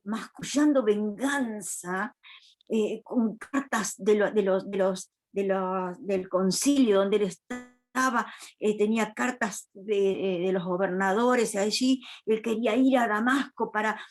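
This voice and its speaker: A woman's voice: mid-range voice, measured pace. A woman preacher giving a sermon in a church, retelling a Bible story in a reflective, earnest way.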